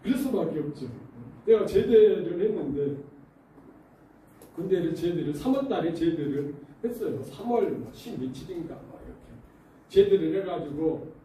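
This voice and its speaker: Echoey, dark-voiced male pastor preaching. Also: a little high, normal speed, far from the mic, slight background noise. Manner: animated storytelling with rhetorical questions to the congregation. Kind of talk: sermon. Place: church sanctuary. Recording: very echoey church hall, voice off-mic.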